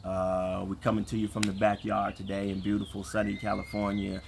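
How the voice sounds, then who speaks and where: A deep-voiced, gravelly man talks to couples from a backyard as co-host of a relationship ministry livestream. His delivery is monotone and fairly quick, earnest, with phrases repeated for emphasis in casual talk with a preacherly edge. Background noise from the outdoor livestream is present.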